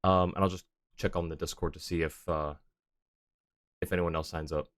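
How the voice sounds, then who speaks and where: In studio-quality audio with no room sound, a man with a low, slightly bright voice speaks at a normal speed in a level tone. He's hosting a game livestream, casually chatting with viewers in a friendly, apologetic way while reading chat and game dialogue aloud.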